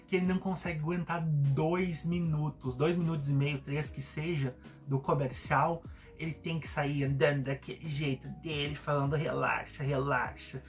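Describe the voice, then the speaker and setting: A man's voice: a little high, steady tone, moderate pace, soft background music. A young man with a Brazilian Portuguese accent, a show host giving casual, opinionated commentary in an indignant, sarcastic way.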